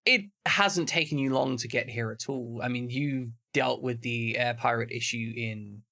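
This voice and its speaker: A man's voice: mid-range voice, normal speed, creaky, sharp tone. A man narrating as game master of a tabletop game, chatty and full of asides. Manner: explains at length, chatty with many asides.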